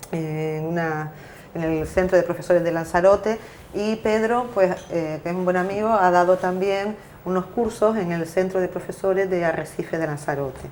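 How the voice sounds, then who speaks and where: A woman's voice: fairly low pitch, a little mellow, slight background noise. Chatty woman in her forties. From Canary Islands. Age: 40s. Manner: talkative, many fillers and self-corrections. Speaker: interviewee, parent and association president. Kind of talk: explanatory interview talk. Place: local TV studio.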